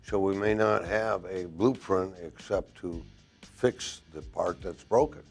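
A very low-voiced man in his sixties speaks as a welding instructor, listing points slowly with pauses. He is recorded on a lapel mic in a classroom. Soft guitar music plays faintly beneath him. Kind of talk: interview answers to a program video. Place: classroom, indoors.

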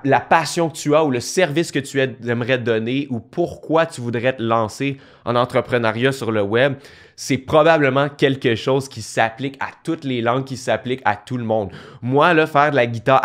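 Chatty man hosting a podcast. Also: medium pitch. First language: French. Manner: chatty, conversational, frequent restarts and fillers. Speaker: podcast host. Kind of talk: casual podcast monologue.

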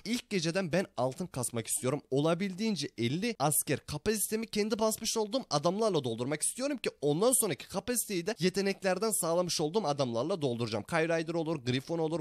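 Hoarse, lively young gaming commentator man. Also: a little high, no room sound. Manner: animated, talks to viewers as brothers. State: sick, hoarse voice. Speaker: gaming YouTuber. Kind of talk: excited gameplay commentary.

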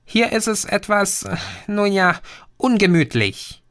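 Pushy little green dwarf , done by a male reader, pitched well up, coaxing and cheeky; storybook. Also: animated, unhurried, fairly bright tone, full character voice.

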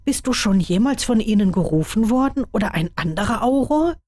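A woman's voice: fairly high pitch, lively intonation, fairly quick, a little mellow, no room sound, studio quality, pitched above the performer's own voice. A woman reading the lines of a caring young male wizard, his partner's concerned companion.

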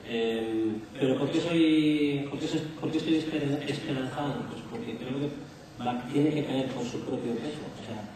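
A hoarse man in his forties with an accent from Spain speaks haltingly and off the cuff as a panelist. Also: medium pitch, crowd noise. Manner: halting, hesitant delivery. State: hoarse, under the weather. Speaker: industry association panelist. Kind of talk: unscripted panel discussion. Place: conference stage, large indoor hall. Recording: echoey hall, distant mic, noisy.

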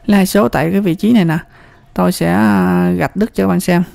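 Gravelly Southern Vietnamese tutorial voice. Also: medium pitch, steady tone, brisk, a little mellow, dry recording. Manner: chatty, repeats words, often checks in with the viewer. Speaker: computer skills instructor. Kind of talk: screen-recorded spreadsheet tutorial.

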